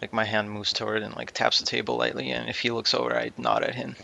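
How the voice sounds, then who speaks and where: A man playing a tabletop game, describing his character's actions plainly with quiet asides. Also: mid-range voice, flat delivery, quick pace, gravelly, muffled recording. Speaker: player. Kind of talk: casual tabletop play.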